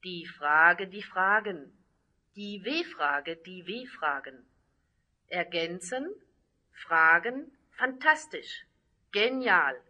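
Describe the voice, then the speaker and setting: A woman slowly reading out a German vocabulary list, single words and short example sentences with pauses between them. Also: lowish voice, lively intonation, bright, forceful tone, highs cut off.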